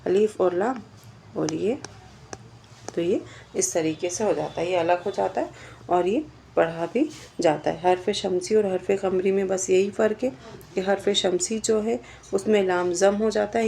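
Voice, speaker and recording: A woman's voice: medium pitch, vocal fry, warm tone, slight background noise. A woman teaching a grammar lesson, explaining step by step and asking questions that she then answers herself. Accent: Indian Urdu.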